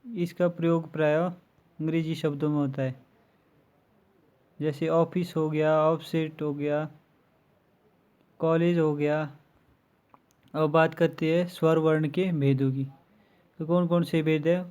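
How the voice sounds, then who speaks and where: With a mellow, dark voice pitched a little high for a man, this teacher delivers an exam-prep grammar lesson in a flat, even manner. He goes slowly through lists of letters, giving examples, and the tone comes across clean.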